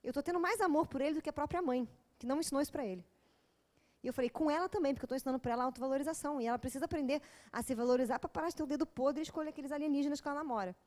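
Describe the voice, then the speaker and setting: Fast-talking high-voiced Brazilian woman lecturer. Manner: animated, acting out dialogue, frank. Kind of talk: lecture with lively anecdotes.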